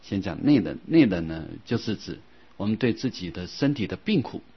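A low-pitched man with a husky, slightly breathy voice gives a Buddhist dharma lecture. He talks gently and without hurry, dropping soft little fillers, and stretches out scripture lines when he recites them. The sound is dull and lo-fi. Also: expressive. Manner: slow, drawn-out recitation of scripture passages. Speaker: Buddhist teacher.

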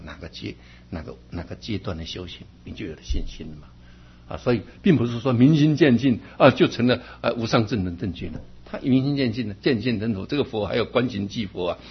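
A man's voice: on the low side, slight background noise. A man teaching Buddhist practice in an earnest, repetitive way, sometimes chuckling at his own jokes. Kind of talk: dharma talk. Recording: dull lo-fi recording.

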